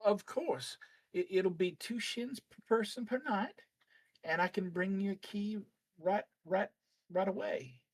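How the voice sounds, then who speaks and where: A man's voice: high voice, unhurried, pitched above the performer's own voice. A man voicing a kindly, motherly female innkeeper with a folksy, chatty manner in a tabletop game. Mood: obliging.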